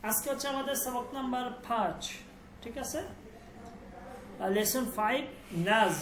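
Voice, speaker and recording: A woman teaching a language class, patiently repeating words slowly for her students. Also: fairly high pitch. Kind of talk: online class lesson. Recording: echoey room with background noise.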